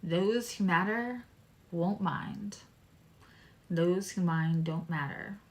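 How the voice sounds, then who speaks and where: A live-stream tarot reader gives a casual, unhurried reading, meandering between the cards and asides. A swollen tongue slightly impedes her speech, and her fairly low voice carries a little hiss or hum.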